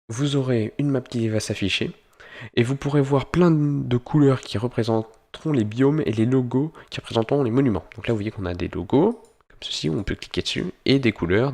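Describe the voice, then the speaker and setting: A man hosting a software tutorial, explaining each step in turn and often pausing to search for words. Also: mid-range voice. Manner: step-by-step explaining, stringing steps with "donc"; hesitant, with frequent pauses to search for words. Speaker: host of a gaming tutorial channel. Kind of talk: screen-recorded software tutorial narration.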